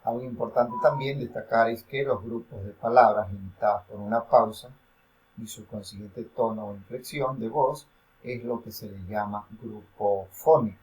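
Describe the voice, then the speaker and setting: A man's voice: fairly low pitch, steady tone, normal speed, a little mellow, poor audio. A male university lecturer explaining reading and intonation, with frequent fillers and self-corrections. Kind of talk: recorded academic lecture.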